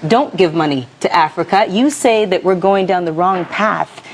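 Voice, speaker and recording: A woman's voice: lowish voice, moderate pace, slight background noise. A woman hosting a television morning show, asking probing, conversational questions of her guest.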